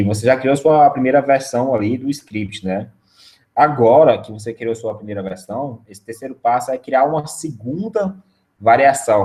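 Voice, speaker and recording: A Brazilian man with a mellow, mid-range voice presents a sales webinar as a casual lecture. He speaks conversationally and keeps tagging his points with a questioning "né?".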